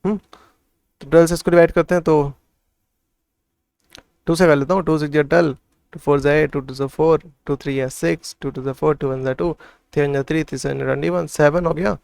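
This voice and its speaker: A man's voice: on the high side, steady tone, normal speed, creaky, long pauses, a little mellow, clear, resonant tone, dry recording. A man working through maths problems step by step as a tutor, thinking aloud and often checking in with the listener. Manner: thinks aloud, frequent "theek hai" checks. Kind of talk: solving textbook problems step by step.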